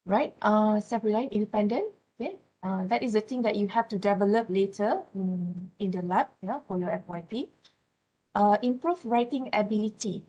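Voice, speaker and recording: A university lecturer whose first language is Malay teaches students in English with a Malaysian accent. Her medium-pitched, darkish voice comes through a low-quality recording, peppered with "uh"s as she works through points and keeps asking "right?" and "yeah?" to check the class is following.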